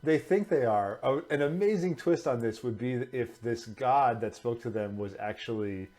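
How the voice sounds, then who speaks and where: A man co-hosting a casual discussion about building a tabletop character, thinking aloud and pitching ideas. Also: moderate pace, darkish tone. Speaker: co-host.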